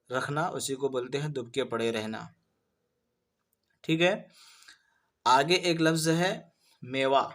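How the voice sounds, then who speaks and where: A male teacher walks students through Urdu vocabulary for an entrance exam. He keeps asking questions and then answering them himself, in a voice a little higher than most men's. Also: fairly bright tone. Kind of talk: vocabulary lesson for exam prep.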